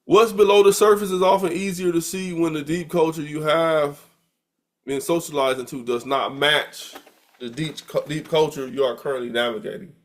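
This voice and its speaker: A man's voice: on the high side, fairly even intonation, normal speed. A middle-aged man from the United States giving a recorded university lecture in a conversational way, often repeating words as he thinks. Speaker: university professor.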